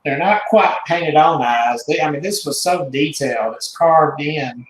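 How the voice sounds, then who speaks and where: A man, a guest collector, telling stories in casual radio chat, rambling and halting with restarts and small chuckles. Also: on the high side, reverberant, rough recording. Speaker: guest, haunted doll collector and author.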